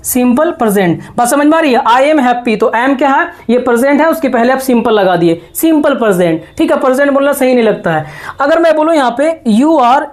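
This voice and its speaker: High-voiced woman teaching grammar. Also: expressive. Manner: slow, repetitive, checks understanding often. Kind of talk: classroom lesson explaining grammar.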